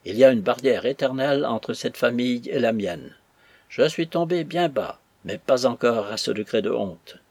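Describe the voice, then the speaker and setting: A man's voice: medium pitch, expressive, normal speed, a little mellow, dry recording. A man reading as a furious, ruined old merchant. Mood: angry. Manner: ranting, bitter, raising his voice. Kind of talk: audiobook character voice.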